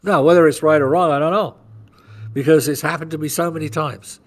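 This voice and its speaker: A man hosts a trading podcast in relaxed, explanatory chat, with a rough, gravelly edge to his voice. His pitch sits on the higher side for a man. He talks through ideas conversationally and keeps checking in with his listener. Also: a little fast. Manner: walks through chart moves conversationally, with frequent "right?" checks; animated storyteller who acts out market scenarios.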